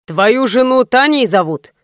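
A woman voicing a calm, odd elderly father who gives ominous warnings, in an audiobook. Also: on the high side, unhurried, no echo, clean studio sound.

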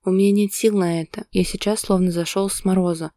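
A woman's voice: mid-range voice, steady tone, brisk, dry recording, clean studio sound, natural voice. A woman voicing a desperate young man pleading. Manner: quiet, pleading. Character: desperate young man begging his love back.

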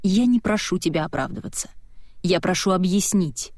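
A woman reading the lines of a stern, tired husband in an audiobook, firm, insistent and measured. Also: on the low side, darkish tone, dry recording, studio quality, close to an everyday voice. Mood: pressing.

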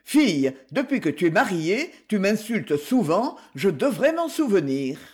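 A man reading aloud voices a haughty, gruff older father, speaking lower and curtly. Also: sing-song, measured pace. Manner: curt, louder, lower voice.

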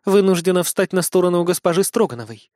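A man voicing a polite young noble girl who speaks in a measured, formal way. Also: sits high, lively intonation, darkish tone, no echo, studio quality.

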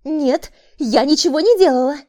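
A shrill, high-strung woman who schemes and then panics, pleading and defending herself, as an audiobook narrator plays her. Her voice jumps high and stays tense throughout. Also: expressive, moderate pace, warm tone. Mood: panicked. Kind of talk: audiobook character voice.

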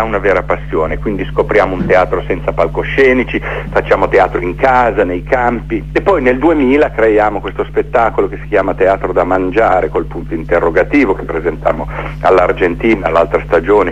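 On lo-fi audio with a little hiss or hum, a low-pitched middle-aged man reflects on his life as a theatre maker during a radio interview. His conversational telling piles up lists using repeated phrases.

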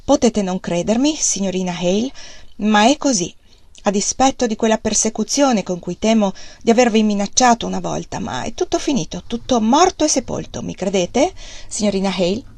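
A woman's voice: mid-range voice, animated, moderate pace, creaky, darkish tone, dry recording. Brief: a stern, curt mill owner, read by a woman, restrained delivery, dry close sound. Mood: bitter.

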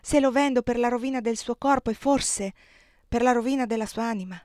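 A woman's voice: medium pitch, brisk, a little mellow, no room sound, lightly acted. A woman voicing a devout middle-aged plantation mistress, speaking with raised, impassioned, pleading force, in a dry recording.

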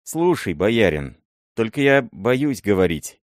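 Old miller, wheedling and fearful, voiced by a male reader: high, animated, dry storybook read. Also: normal speed, no room sound. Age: older. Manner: pleading, wheedling, high-pitched. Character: timid fawning old male miller sorcerer. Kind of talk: audiobook character voice.

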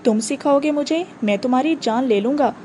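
A woman's voice: high voice, mellow, a little hiss or hum, close to an everyday voice. A woman voicing a frightened defiant young man. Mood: furious. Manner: defiant and fearful. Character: frightened, stubborn young male captive.

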